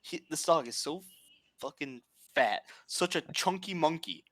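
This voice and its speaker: Man co-host, slightly high voice, dry close sound, profane storyteller. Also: expressive, unhurried, fairly bright tone, no echo. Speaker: podcast co-host. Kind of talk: casual chat.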